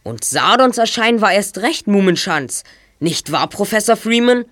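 A man's voice: high-pitched, animated, normal speed, bright, forceful tone. A young male actor playing a clever teenage detective in an audio drama, explaining with precision and self-assurance. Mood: confident. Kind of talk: German children's detective audio drama acting.

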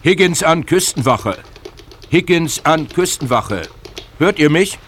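An actor playing a jovial, teasing old sea captain with a gruff, seaman's way of talking. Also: fairly high pitch, lively intonation, measured pace, a bit bright, slight background noise. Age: older. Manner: gruff, jokey, seaman's talk.

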